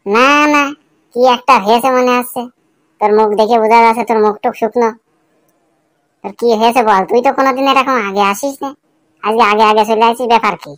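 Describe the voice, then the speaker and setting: A woman's voice: on the high side, fairly even intonation, brisk, close to an everyday voice. A woman voicing a nosy, prying village friend in a cartoon. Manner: prying, questioning. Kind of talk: cartoon voice acting.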